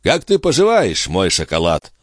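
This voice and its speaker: Man voicing an impudent gentleman in a storybook, breezy, swooping pitch, dry sound. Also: huge pitch swings, moderate pace, dry recording, exaggerated voice. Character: cheeky, insolent grown man, the countess's brother-in-law.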